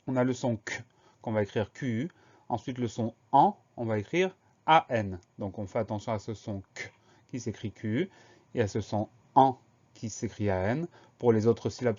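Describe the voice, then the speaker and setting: A man teaching a spelling lesson, slowly and patiently spelling out words letter by letter. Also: medium pitch, darkish tone. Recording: dull lo-fi recording.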